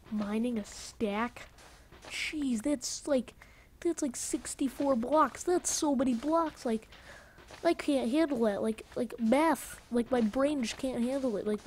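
A woman's voice: a little high, a little hiss or hum. Goofy rambling young woman gamer. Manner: goofy, rambling, full of "like" fillers; jokey self-mockery, sudden excited outbursts. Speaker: gaming channel host. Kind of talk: casual gameplay commentary.

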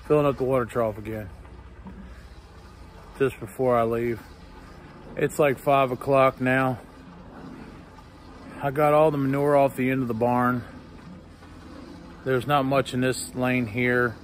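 Guy in his 30s vlogging from the farm, rambly, lots of ums, phone at arm's length, faint outdoor noise. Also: medium pitch. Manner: rambling, laid-back, filler-heavy. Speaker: farmer vlogger. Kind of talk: casual vlog chat. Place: on a farm outdoors and in a truck cab. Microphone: phone camera at arm's length.

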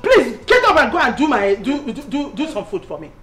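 A woman's voice: sits high, big pitch swings, fairly quick, a bit bright, faint music behind. A woman with a Nigerian accent playing a middle-aged mother-in-law who scolds hard with jabbing "Eh?"s yet is torn, in a film. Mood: scolding. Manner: scolding, repeats "Eh?" as a jab. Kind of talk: Nollywood film acting.

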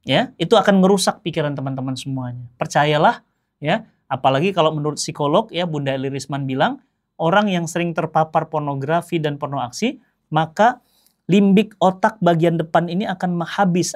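A man giving a sermon as an Islamic preacher. He speaks in a lively, joking, conversational way, asking rhetorical questions and answering them himself. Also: high-pitched.

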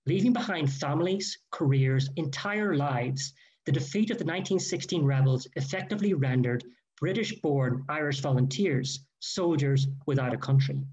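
Measured male history lecturer, lo-fi. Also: a little high, animated, darkish tone, a little hiss or hum. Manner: measured, careful delivery with quoted sources. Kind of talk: formal read lecture. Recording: dull lo-fi recording.

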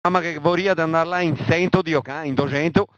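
A man's voice: fairly high pitch, steady tone, fairly quick, dry recording, muffled recording, lightly acted. A man in his thirties with a Venetian accent, acting an angry, foul-mouthed militant who rants with explosive curses. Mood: grim defiance. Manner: ranting, peppered with explosive cursing.

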